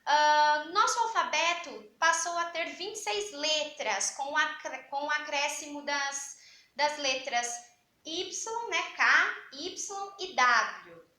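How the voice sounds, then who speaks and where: High, bright woman teaching. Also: animated, slow pace, echoey room. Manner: chatty, asks rhetorical questions and answers them. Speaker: Portuguese teacher. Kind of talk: online grammar lesson.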